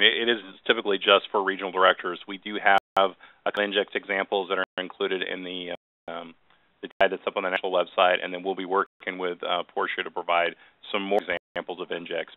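A man directing a competition, giving brisk, matter-of-fact examples on a webinar panel. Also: deep voice, steady tone, no echo. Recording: phone-line audio.

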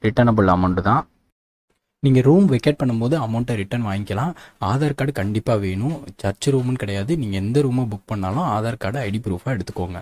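A man from Tamil Nadu talks through a travel guide at a quick clip. His voice is dark and mellow, and his practical, matter-of-fact manner speaks straight to the viewer. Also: lowish voice, no echo. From Tamil Nadu, India. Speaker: travel vlogger.

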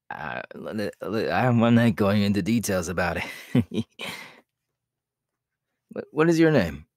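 Sero, a man playing an easygoing, slow-talking young student. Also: mid-range voice, darkish tone, no room sound, studio quality. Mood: bashful, then friendly. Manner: hesitant, chuckling, informal, speaking straight to the listener. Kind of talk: ASMR audio roleplay, one-sided casual chat.

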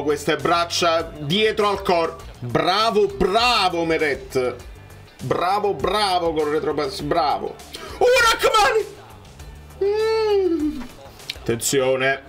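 A high-voiced young man reacts to a football match as it plays, his tone leaping wildly from low mutters to sudden shouts. Soft music runs faintly underneath.

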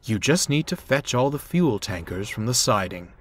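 A man's voice: mid-range voice, very animated, moderate pace, a little hiss or hum, natural voice. A man voicing a proud, pompous male steam engine who talks in a haughty, posh, snappish way. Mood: contrite.

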